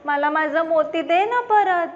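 A woman voicing a small, excited female sparrow in a children's story, talking high and childlike. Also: unhurried. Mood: pleading. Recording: dull lo-fi with faint background noise.

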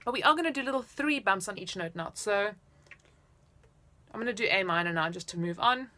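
Bright-voiced woman teaching casually. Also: medium pitch, animated, fairly quick. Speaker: flute teacher. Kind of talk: casual instructional talk to camera. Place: indoors, small room at home.

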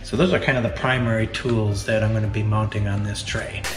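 A man's voice: lowish voice, steady tone, a little fast. A man in his forties giving plain, practical step-by-step welding instruction in a large metal workshop. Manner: practical, plain-spoken, explains each step. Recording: echoey workshop with faint music.

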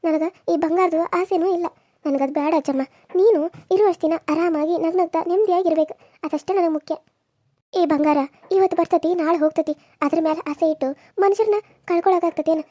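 A kind young village woman in a cartoon serial, voiced by a woman. She soothes and reassures in a high, quick voice with a mellow tone. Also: no echo, clean studio sound. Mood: soothing.

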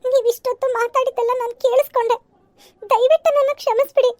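A woman's voice: extremely high pitch, flat delivery, fast talker, a little mellow, dry recording. A woman voicing a remorseful young wife in a cartoon serial, pleading and apologetic.

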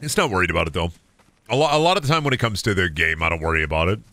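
At his home desk with a headset, a thirtysomething streamer chats rapid-fire about his game, self-deprecating and rambling, cursing at it as he goes. His voice sits low, expressive, pushed and bright, sick and near cracking, with no room sound.

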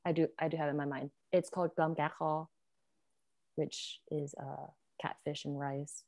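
A woman's voice: sits low, level tone, normal speed, gravelly, darkish tone, no echo, clean studio sound. A young woman, a podcast guest, chatting casually with many hesitations and laughs. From United States.

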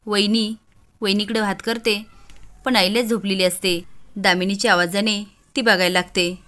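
A woman's voice: mid-range voice, steady tone, normal speed, fairly bright tone. A woman narrating a recap of a television serial episode, lightly voicing each character.

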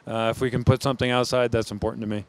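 Middle-aged American man, brewery founder type, mid-pitched smooth voice, thoughtful, interviewed with a handheld mic among steel tanks. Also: level tone, very fast. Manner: thoughtful, with frequent restarts. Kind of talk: on-camera interview.

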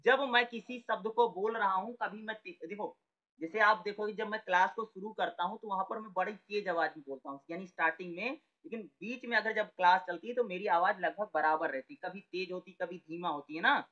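A man's voice: sits high, fairly quick, bright, forceful tone, muffled recording. A man teaching an exam-prep lesson in a conversational way, often asking a question and then answering it himself. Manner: conversational, repeats words, asks and answers his own questions.

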